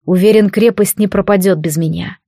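A woman's voice: mid-range voice, fairly quick, mellow, dry recording, clean studio sound, close to an everyday voice. A woman reading a firm young warrior leader. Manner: firm, declarative. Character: proud resolute young male warrior leader. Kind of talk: audiobook character reading.

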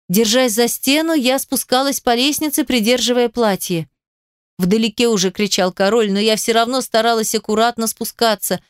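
Woman narrator for a first-person fantasy audiobook, expressive, smooth and crisp, dry close sound. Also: a little high, no room sound. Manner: expressive, storytelling.

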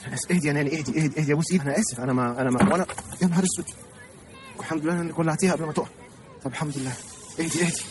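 A man plays a heavyset, awkward Egyptian man who rattles off nervous apologies at breakneck speed, his voice pitched a little high. He is heard through a noisy film soundtrack. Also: lightly acted. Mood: flustered apology. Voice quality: fast, fumbling, apologetic.

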